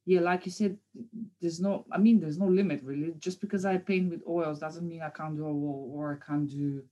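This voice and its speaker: A woman's voice: low voice, steady tone, moderate pace, mellow, highs cut off. A woman in her thirties from Bulgaria, talking casually about her art in an interview, hesitant, with many fillers and restarts. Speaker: guest artist.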